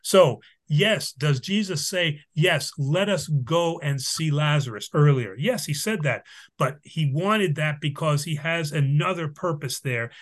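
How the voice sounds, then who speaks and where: Guy priest explaining scripture to a group, fairly high voice, lots of ums and restarts. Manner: halting, many fillers and restarts. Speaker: priest leading a Bible study. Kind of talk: casual teaching.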